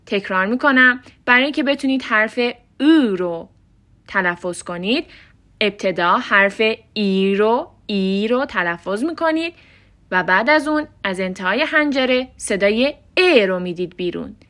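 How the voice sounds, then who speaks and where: A woman teaching a pronunciation lesson, repeating each sound and example word slowly and distinctly. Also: mid-range voice, expressive, sharp tone. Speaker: language teacher. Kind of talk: instructional lesson, modeling pronunciation.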